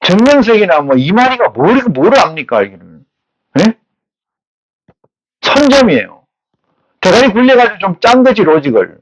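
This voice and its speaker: A man's voice: high voice, sing-song, poor audio. A male pastor preaching a sermon, firing rhetorical questions at his listeners in blunt, coarse everyday speech. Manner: teaches with rapid rhetorical questions.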